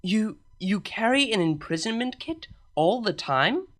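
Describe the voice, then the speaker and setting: A woman's voice: medium pitch, big pitch swings, measured pace, pitched above the performer's own voice. A woman voicing a regal alicorn princess who is polite but exasperated and sighs often.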